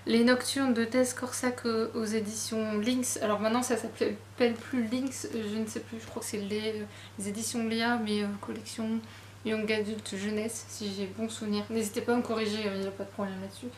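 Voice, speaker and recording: Woman book vlogger, casual haul chat, chatty and self-deprecating, fairly high voice, roomy sound with faint noise. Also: level tone, a little fast.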